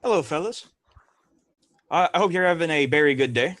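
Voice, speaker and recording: Guy doing a cocky mobster bear in a tabletop game, highish voice, swoops around, halting hustle. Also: expressive, fairly bright tone, no room sound. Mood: ingratiating. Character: smooth-talking male mobster bear, cocky, self-important.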